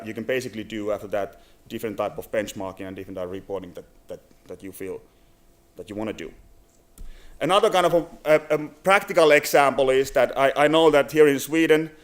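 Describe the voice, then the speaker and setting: At a conference, a company presenter from Finland, a man in his thirties, gives a business presentation in a mid-range voice with a Finnish accent, stumbling through frequent fillers and restarts.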